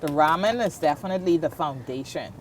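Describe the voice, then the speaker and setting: A woman's voice: deep voice, expressive, a little fast, a little hiss or hum. A Bahamian woman guest on a talk show, chatting casually as she explains a recipe step by step. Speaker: guest cook. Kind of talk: casual chat.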